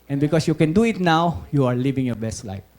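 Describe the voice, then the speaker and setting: A man's voice: on the high side, expressive, brisk, a little mellow. A Filipino man preaching a sermon as pastor, telling stories with animation, switching between English and Tagalog and often checking in with "Okay?".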